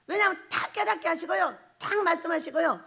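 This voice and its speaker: A woman pastor preaching a Sunday sermon at a prayer retreat, laughing often and asking the congregation questions as she goes. She jumps from loud exclamations down to low, quiet murmurs. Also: fast, creaky. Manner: animated preaching with frequent laughter and rhetorical questions.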